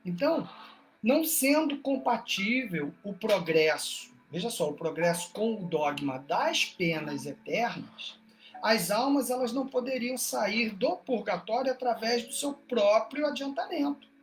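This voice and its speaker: Lively Brazilian woman teaching a study group. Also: on the high side, a little slow, a little hiss or hum. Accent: Brazilian Portuguese. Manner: asks rhetorical questions, frequent "né?". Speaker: speaker at a spiritist study group. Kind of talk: explanatory talk on a religious text. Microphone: online livestream.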